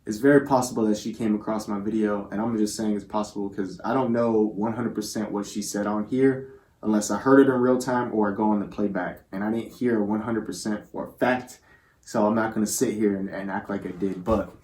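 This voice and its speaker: Hosting a spirit box session, a man speaks earnestly in a lowish, slightly mellow voice. He addresses both his viewers and the spirits with affectionate, reverent words.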